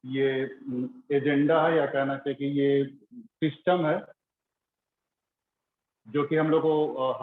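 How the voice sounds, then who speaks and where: A pastor preaching a sermon in a conversational way, repeating his phrases with many fillers. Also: fairly high pitch. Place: church. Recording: echoey church on a tinny phone-like line.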